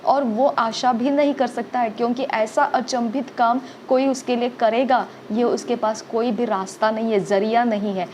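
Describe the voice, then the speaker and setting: A woman's voice: a little high, steady tone, moderate pace, hardly any pauses, a little mellow, slight background noise. A woman preaching a sermon, urging listeners with repeated phrases and frequent "okay?" checks.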